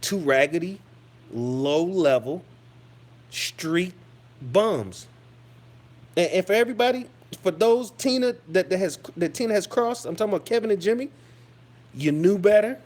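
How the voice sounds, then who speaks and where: A man's voice: high-pitched, animated, measured pace, long pauses, darkish tone. A man delivering a heated, mocking, profane rant as a vlogger, often stumbling and repeating phrases. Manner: heated, mocking, swears constantly; stammering restarts and repeated phrases. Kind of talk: profane ranting commentary.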